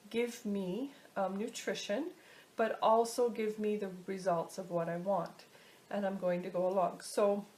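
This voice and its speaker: A woman casually teaching a step-by-step technique, often pausing to search for her words. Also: mid-range voice, a little mellow. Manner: halting, searching for words as she explains. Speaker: instructor teaching a pendulum technique. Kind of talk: casual instructional video talk.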